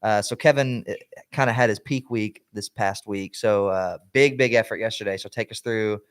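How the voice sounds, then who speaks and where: A man's voice: fairly low pitch, moderate pace, smooth. A young man co-hosting a podcast in casual chat, rambling with lots of fillers and restarts. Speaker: podcast co-host.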